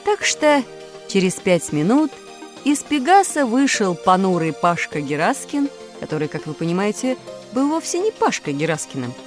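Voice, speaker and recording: A woman narrating a children's story aloud in an expressive, animated way. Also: medium pitch, normal speed, soft background music.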